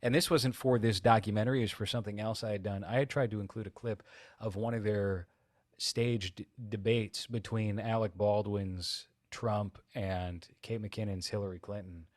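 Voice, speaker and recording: Low-voiced blunt man on a podcast. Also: fairly even intonation, moderate pace, dry recording, studio quality. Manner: blunt, rambling, swears freely. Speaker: podcast co-host. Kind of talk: casual podcast chat.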